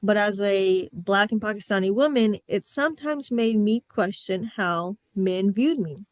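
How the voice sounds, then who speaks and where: Lively intonation marks this young Midwestern woman's podcast chat as she frankly and sassily shares stories about herself. Her pitch is medium and her pace a little slow, recorded without room sound.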